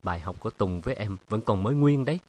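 A man's voice: on the low side, lively intonation, fast talker, warm tone. A man voicing a jealous young man in an audiobook, pressing with accusing questions. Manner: pressing, accusatory, then pleading. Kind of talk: audiobook character reading.

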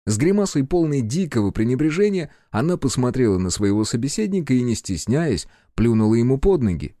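A man narrating a novel chapter as an audiobook in steady storytelling. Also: mid-range voice, a little fast, dry recording, clean studio sound.

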